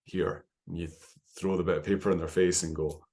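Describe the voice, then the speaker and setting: A man speaking as a podcast guest, telling stories in a relaxed, animated way and often ending points with "right?". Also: sits low, brisk. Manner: animated storytelling, frequent "right?" tags. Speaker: podcast guest, endurance runner. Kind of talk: casual conversation.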